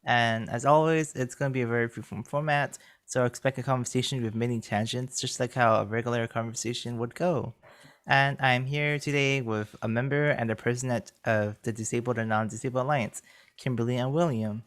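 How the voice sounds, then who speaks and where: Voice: medium pitch, steady tone, fairly quick. A podcast host opening a loose, conversational episode, hesitant and full of "like" and "I guess.". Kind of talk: casual podcast chat.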